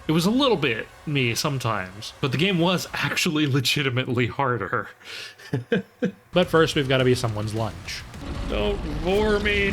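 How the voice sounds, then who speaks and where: A man narrates a game run with sarcastic, deadpan jokes, often breaking into laughter. His voice sits mid-range with a faint hiss of room noise behind it. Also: mid-range voice. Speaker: let's play narrator. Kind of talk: comedic game summary narration.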